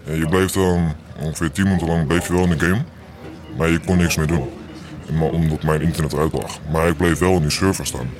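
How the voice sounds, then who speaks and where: Young guy, voice disguised super deep, lots of uhs, cafe crowd noise behind. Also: fairly even intonation, fairly quick. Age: 20s. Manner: hesitant, many fillers like "eh" and "zeg maar". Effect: voice disguised by pitching it down to sound very deep. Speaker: interviewed hacker. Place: small café.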